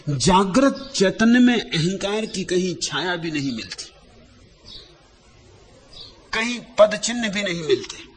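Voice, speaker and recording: A man giving a spiritual discourse as a teacher, speaking in short, lyrical phrases with long pauses and repeated lines for emphasis. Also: high-pitched, expressive, slight background noise.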